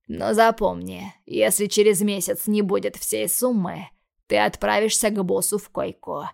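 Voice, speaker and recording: A woman's voice: steady tone, gravelly, darkish tone. Woman doing a sneering thug debt collector. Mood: menacing sneer. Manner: slow, low, taunting. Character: crude menacing male debt collector, sneering.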